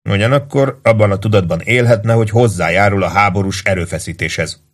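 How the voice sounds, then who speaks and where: A man voicing a calm, practical army sergeant who gives advice in a level, matter-of-fact way. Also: on the low side, close to an everyday voice. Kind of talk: audiobook character voice.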